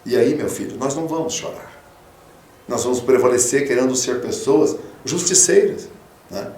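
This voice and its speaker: A man, a pastor, preaching a radio sermon, fatherly and emphatic, swinging from loud peaks to soft low tones. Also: normal speed, echoey room, recorded from a distance. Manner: fatherly, calls listeners 'filho'. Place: radio studio.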